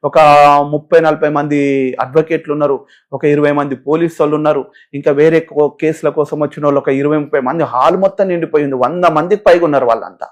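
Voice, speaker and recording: Speaking fast in a fairly high, steady voice, a man with a Telangana Telugu accent shares his personal story as a pastor being interviewed. He tells it with feeling, performing the voices of those he quotes in an emotional testimony.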